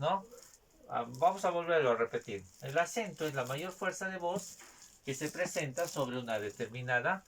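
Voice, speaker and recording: A man teaching a spelling lesson, repeating each point and checking in with quick tag questions. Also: on the high side, a bit bright. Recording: distant mic, faint noise.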